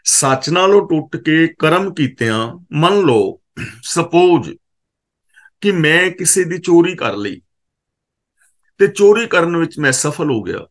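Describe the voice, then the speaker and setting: Sikh preacher explaining verses slowly. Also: male voice, on the high side, very animated. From Punjab, India. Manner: recites verses slowly, then explains word by word; corrects pronunciation of verse words. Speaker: scripture teacher. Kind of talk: katha scripture exposition.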